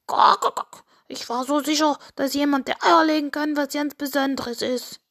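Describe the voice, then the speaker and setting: A woman's voice: high-pitched, fairly even intonation, moderate pace, vocal fry, fairly bright tone, voice pushed up. A woman voicing an eager, fussy young male farmyard bird who quacks between his words, in a storybook reading. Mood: eager quacking.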